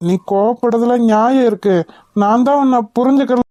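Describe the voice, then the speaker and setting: A woman's voice: a little high, moderate pace, warm tone, natural voice. A woman voicing a remorseful young husband in a cartoon, coaxing and apologetic. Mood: pleading. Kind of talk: cartoon voice acting.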